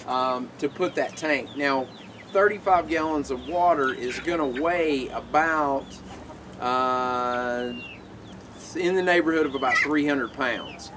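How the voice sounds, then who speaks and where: A man casually explaining a homemade chicken-watering project outdoors by a coop, relaxed and rambling with lots of fillers. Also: medium pitch. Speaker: homesteader showing a DIY build. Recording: outdoor noise, distant mic.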